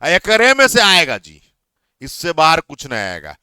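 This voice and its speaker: A man's voice: on the high side, wildly swooping pitch, unhurried, pushed and bright, smooth, no echo. A young man who teaches exam coaching, giving heated, repetitive warnings to students. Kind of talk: impassioned advice talk to students.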